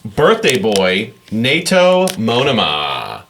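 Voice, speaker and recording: A man's voice: lowish voice, huge pitch swings, slow pace, a bit bright, a little hiss or hum. A man co-hosting a casual podcast, easygoing and steering the segments. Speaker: podcast co-host, voice actor. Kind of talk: casual chat.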